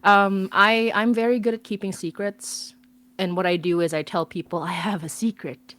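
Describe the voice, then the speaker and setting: She's a horror writer guesting on a podcast, chatting on a livestream with bubbly, rambling energy and plenty of laughter. Her medium-pitched voice has a steady, fairly bright tone and a moderate pace.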